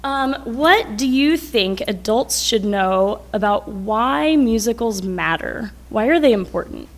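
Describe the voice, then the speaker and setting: A woman's voice: fairly high pitch, lively intonation, takes it slowly. A woman teacher presenting at a school board meeting, encouraging children as she puts questions to them. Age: adult.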